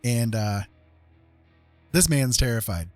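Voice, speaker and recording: An American man hosts a livestream, casually spinning a rambling personal story with animated energy and repeated phrases for emphasis. His voice sits at medium pitch and moves at a slow pace. The recording is dry, with soft music playing in the background.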